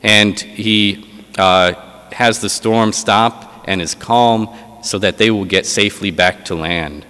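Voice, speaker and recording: A man with a fairly low voice speaks as a priest at a church service. His phrasing is measured and solemn, as in a scripture reading or homily. Long cathedral-like reverb trails his words in the large space. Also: fairly even intonation, pushed and bright, smooth. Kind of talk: liturgical reading and sermon.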